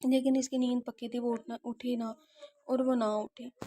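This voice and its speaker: Flat, mellow woman narrating a novel. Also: on the high side, moderate pace, breathy edge, dry recording. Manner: reads all characters in her own voice. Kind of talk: audio novel reading.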